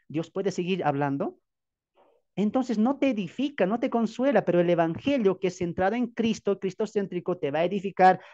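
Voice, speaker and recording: A man's voice: high voice, darkish tone, highs cut off. A man from Bolivia, a pastor teaching from the Bible in an emphatic preaching style full of rhetorical questions and repeated phrases. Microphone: video call.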